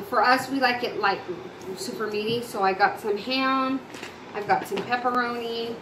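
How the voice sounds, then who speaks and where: A woman casually showing how to make a meal in her home kitchen, talking viewers through each step. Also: a little high. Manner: chatty, instructive, talks to viewers. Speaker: mom cooking on camera. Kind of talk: casual cooking demonstration. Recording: echoey kitchen with loud background noise. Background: child crying, household noise.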